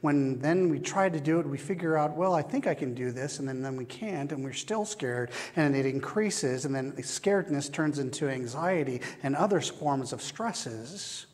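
A man preaching a sermon as pastor, slow and measured with long pauses, recorded in a church. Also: on the high side, lively intonation, a little mellow. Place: church sanctuary. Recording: long church hall reverb.

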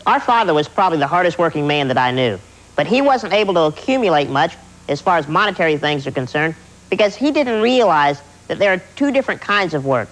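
A young man talks as a testimonial guest in an earnest, motivational way. His voice is notably high for a man. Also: very animated, quick pace, fairly bright tone, rough recording. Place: indoors, seated on a sofa.

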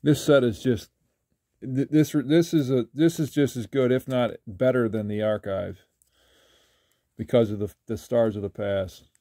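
An older man talking casually while sorting trading cards, rambling with halting restarts. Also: mid-range voice, fairly even intonation, dark tone, dry recording, studio quality. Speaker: trading card collector. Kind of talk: casual card-flipping commentary. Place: indoors at a table.

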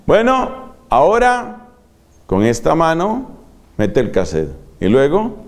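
A man's voice: a little high, huge pitch swings, slow, full character voice. A man mimicking a sing-song careless nun.

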